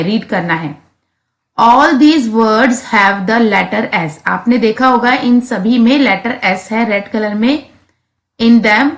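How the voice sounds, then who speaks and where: A woman teacher with an Indian accent reads English textbook lines aloud for children and then explains each one plainly. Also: fairly high pitch. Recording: echoey room.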